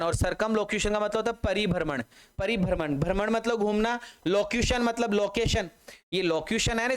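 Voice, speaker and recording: A man's voice: sits high, clean tone. A man with an Indian accent teaching English vocabulary in Hindi, repeating each word many times and spelling it out letter by letter. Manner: drills students to repeat aloud. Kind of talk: online vocabulary lesson.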